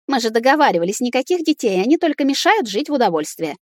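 A woman's voice: fairly high pitch, big pitch swings, fast talker, darkish tone, no echo, studio quality, voice pushed up. A woman voicing a spoiled young woman with a cloying, squealing way of speaking. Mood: sugary. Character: sugary, shrill young fiancée, spoiled and spiteful.

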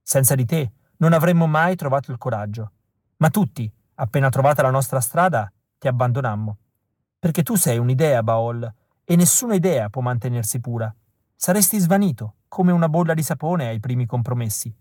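A man reading an audiobook, voicing a tender and resolute rebel woman in a soft, earnest, measured way. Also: mid-range voice, expressive, no echo, clean studio sound, natural voice.

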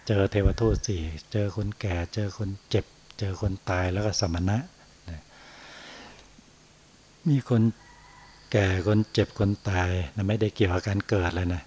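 A man, a Buddhist monk, giving an unhurried dharma talk on meditation and tagging his phrases with a soft particle. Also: on the low side, steady tone, breathy edge.

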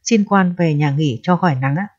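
A woman's voice: sits low, normal speed, a little mellow, dry recording. A woman voicing an anxious, grieving village father who pleads humbly with an official. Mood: pleading. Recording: dry, dull lo-fi recording.

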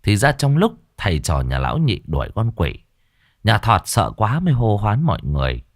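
A man narrating a ghost story in a dramatic, expressive storytelling manner. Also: lowish voice, normal speed, no room sound, clean studio sound.

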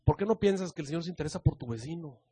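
A man with a Mexican accent voicing a patient God who reasons gently and softly with a prophet. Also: fairly high pitch, animated, very fast, husky. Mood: gentle reasoning.

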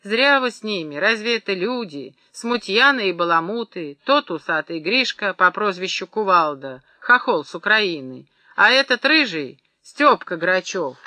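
A woman's voice: medium pitch, animated, a little slow, hardly any pauses, bright, forceful tone, no echo. A woman doing a fawning, gossipy tavern keeper. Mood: scornful.

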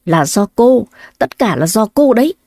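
A woman reading the lines of a cold, scornful young husband in a spoken story, in a warm, fairly high voice. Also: big pitch swings, moderate pace, no room sound, clean studio sound. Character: callous drunk young husband, contemptuous.

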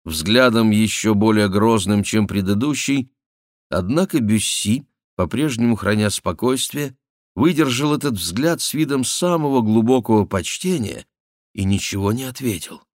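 A man narrating a historical novel in measured, even storytelling. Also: on the low side, no room sound, clean studio sound. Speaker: audiobook narrator. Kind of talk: scripted narration.

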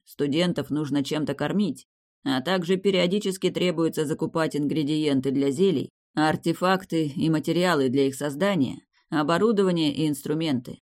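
A composed, ironic rector of a magic academy speaks in a low, mellow tone, explaining things plainly with a faint smirk. A woman reads him in her own voice for the audiobook. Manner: calm, teasing, matter-of-fact. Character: wry male academy rector, shapeshifter. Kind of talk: audiobook character reading.

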